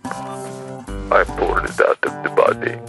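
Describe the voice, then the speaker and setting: A man playing a menacing mobster who phones in, speaking in a deadpan, threatening way. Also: slow, loud music behind the voice, natural voice. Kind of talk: comedy sketch, prank call bit.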